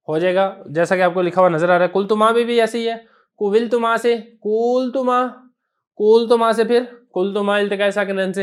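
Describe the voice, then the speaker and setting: A man's voice: high-pitched, smooth. A man with a Pakistani Urdu accent teaching a grammar lesson, patiently spelling out word forms one at a time.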